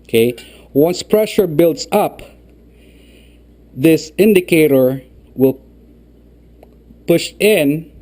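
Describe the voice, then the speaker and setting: A man's voice: a little high, expressive, extremely slow, long pauses, warm tone. A man explaining a cooking recipe step by step in a patient way, often checking in with "okay". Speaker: home cooking instructor. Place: home kitchen.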